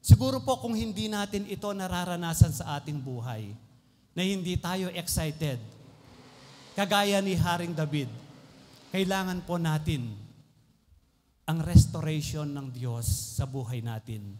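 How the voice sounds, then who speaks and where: A man's voice: on the high side, animated, measured pace, darkish tone. A man preaching a sermon, mixing Tagalog and English with polite phrasing. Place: church hall. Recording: reverberant church hall.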